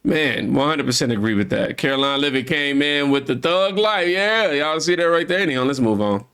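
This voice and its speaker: A man's voice: a little high, lively intonation, a little fast, fairly bright tone, clean tone. A man hosting a reaction video who talks loosely and rambles, speaking straight to his viewers. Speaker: YouTube reaction host. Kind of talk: casual reaction commentary.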